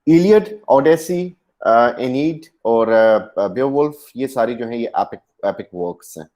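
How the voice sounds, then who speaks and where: A man's voice: mid-range voice, slow pace, warm tone. Pakistani man lecturing a class. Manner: explanatory, mixes English terms into Urdu, many fillers. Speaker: English literature teacher.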